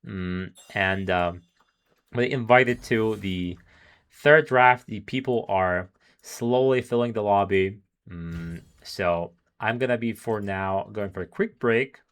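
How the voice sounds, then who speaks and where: A man's voice: lowish voice, slow pace, fairly bright tone. A man doing live solo esports commentary, analytical and musing, chuckling between thoughts, his voice wearing thin. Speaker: esports caster.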